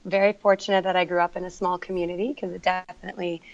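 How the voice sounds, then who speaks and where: A Canadian woman who teaches tells her story earnestly in a conversational podcast interview. Her voice is lowish and flat, and she talks fast. The remote recording sounds dull and lo-fi.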